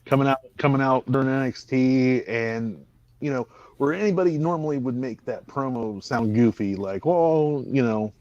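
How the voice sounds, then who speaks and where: A man co-hosting a podcast rambles in casual chat. He often trails off and drops his voice. His pitch sits in the middle, and the recording is slightly dull and dry. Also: normal speed, darkish tone, no room sound. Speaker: podcast co-host.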